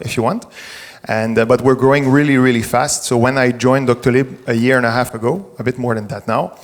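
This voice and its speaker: A middle-aged French Canadian tech executive gives a conference talk to a live audience, speaking conversationally at an ordinary middle pitch. He often restarts and corrects himself mid-phrase, and the long reverb of a big hall surrounds his voice.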